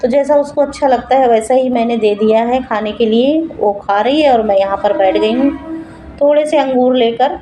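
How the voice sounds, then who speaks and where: At home in her kitchen, a middle-aged mother keeps up a chatty, homely commentary on her routine and cooking for her vlog. Her voice is fairly high, mellow and at normal speed, with soft music behind it and poor audio quality.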